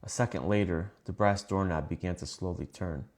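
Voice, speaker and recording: A man reading scripted first-person horror stories in a calm, measured way. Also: low voice. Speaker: narrator.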